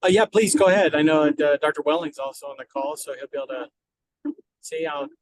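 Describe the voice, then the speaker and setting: Man on car speakerphone, road rumble. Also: steady tone, a little fast, low-quality recording. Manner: apologetic, brief and distracted. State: driving. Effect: car speakerphone on a call while driving. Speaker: professor supervising a case discussion.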